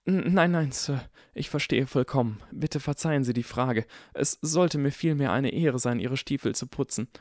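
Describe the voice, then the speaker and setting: A man voicing an eager, bookish eleven-year-old boy wizard who talks fast and flatters nervously, in an audiobook. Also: mid-range voice, dry recording, studio quality, voice pushed up, close to an everyday voice. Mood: flustered. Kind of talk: audiobook character voice.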